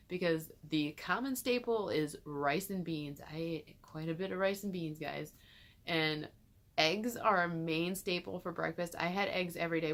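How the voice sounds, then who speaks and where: A young woman from Michigan talking casually to her camera in a small bedroom, chatty and full of "like" fillers. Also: fairly low pitch. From Michigan, USA. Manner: chatty, filler-heavy, frequent "like" and laughs. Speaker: vlogger. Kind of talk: casual vlog chat.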